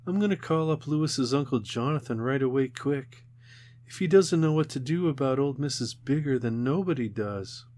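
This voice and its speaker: A man's voice: medium pitch, animated, moderate pace, darkish tone, pitched above the performer's own voice, natural voice. A man voicing a determined, impatient young girl, raising his voice into an eager, exasperated tone for her lines.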